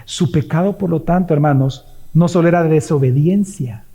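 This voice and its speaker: Male pastor, high and mellow voice, emphatic sermon in a reverberant church. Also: normal speed. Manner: emphatic preaching, swings between loud and hushed. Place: church sanctuary. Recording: long hall reverb.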